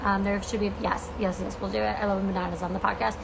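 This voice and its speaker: A young American woman talks casually to her livestream followers with a creaky vocal fry. Her pitch sits in the middle, and her delivery is emphatic and gushing, peppered with slang. Noticeable background noise runs under the recording. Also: flat delivery, fast talker. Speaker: podcast host and coach. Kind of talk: casual livestream chat to fans.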